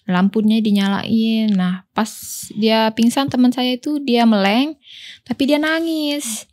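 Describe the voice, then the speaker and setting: A woman's voice: a little high, measured pace. A woman from Lombok, Indonesia, a guest telling a ghost story in a casual way and acting out what her friends said. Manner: animated retelling, quoting friends' words.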